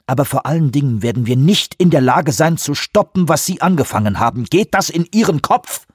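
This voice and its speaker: A defiant male scientist, read by a male narrator, hurls heated accusations. The voice is husky and close, with a dry, roomless sound. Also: a little high, lively intonation, fairly quick, no room sound, voice pushed up. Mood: accusing.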